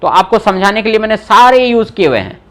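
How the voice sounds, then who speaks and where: This young man's voice is high, fast, sing-song and fairly bright as he runs a live online German lesson in relaxed Hindi peppered with English. He goes over what words mean, calls on students by name to test them, and ribs anyone who forgets.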